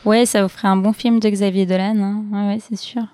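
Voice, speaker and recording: A woman's voice: mid-range voice, little pitch movement, a little fast, mellow, smooth, no echo. A woman co-hosting a comedy podcast, playful and hesitant, improvising silly answers. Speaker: co-host. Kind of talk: casual comedic chat.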